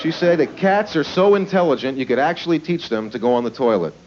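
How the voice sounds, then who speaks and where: This stand-up comic has a fairly high, darkish voice and talks fast and animatedly. His smutty, leering material is conversational and heavy on rhetorical questions, recorded noisy and muffled in a live club before a laughing audience.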